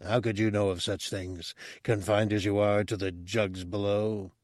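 A scheming, tentacle-faced alien crime boss talks in a subdued, guarded voice, quieter and a little lower than the narration, as a man acts him out. He is wary and fearful, a non-human figure in an audiobook. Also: level tone, unhurried, no room sound, studio quality, lightly acted.

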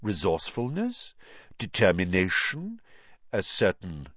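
A calm, kindly old wizard headmaster, voiced by a man, unhurried and gentle, dropping to a soft murmur at times. His pitch moves a lot within phrases, and the sound is dry and dull. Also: no echo, heavily acted.

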